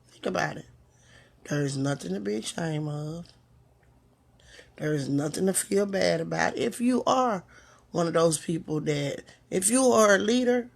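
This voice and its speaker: Woman with a creaky voice, asking questions. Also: mid-range voice. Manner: asks the listener rhetorical questions; reflective, unhurried, with pauses. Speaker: host. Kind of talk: motivational monologue.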